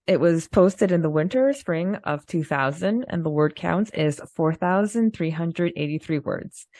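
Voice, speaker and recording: On a book discussion podcast, this female co-host alternates between reading a prepared summary and chatting conversationally. She has a fairly low, darkish voice, captured with clean studio sound and no echo.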